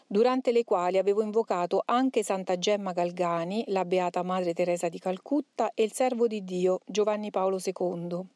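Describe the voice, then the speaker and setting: A woman's voice: mid-range voice, steady tone, normal speed, hardly any pauses, dark tone, no echo. Woman reading solemnly, dry sound. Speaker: narrator. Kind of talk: first-person read narration.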